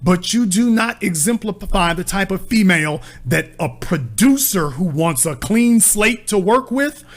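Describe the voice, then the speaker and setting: A man with a high, animated voice runs a call-in relationship advice show, scolding a caller bluntly and crudely. He keeps a measured pace with few pauses.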